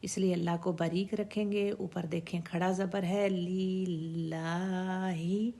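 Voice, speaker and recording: A woman teaching Quran recitation rules, patiently repeating words and sounds slowly for her students to practise. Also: lowish voice, flat delivery, gravelly, mellow. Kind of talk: slow instructional lesson with recited examples.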